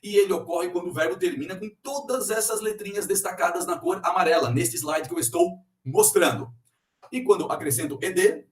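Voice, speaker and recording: A man with a fairly high, lively voice leads an English pronunciation lesson. He talks through the rules patiently and says each example word twice. He sounds a little far from the mic in an echoey room. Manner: explains slowly and repeats example words. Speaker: English teacher. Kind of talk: recorded online lesson.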